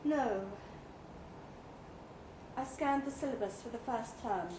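A woman with a fairly high voice reads a first-person literary short story aloud at a live pub event, going a little fast. The recording is roomy, with clear background noise from the pub.

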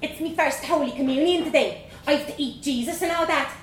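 A woman's voice: high-pitched, a little fast, a crowd in the background, pitched above the performer's own voice, close to an everyday voice. A woman voicing a brash, bossy little girl in her communion dress, with a crude, cheeky way of talking. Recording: echoey room, faint noise.

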